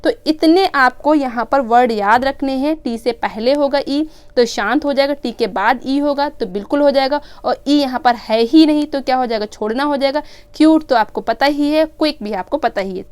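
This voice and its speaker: A woman's voice: sits high, smooth. A woman with an Indian English accent teaching an exam-prep grammar lesson. She explains step by step and keeps asking and answering her own questions. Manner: mixes English terms into her teaching talk.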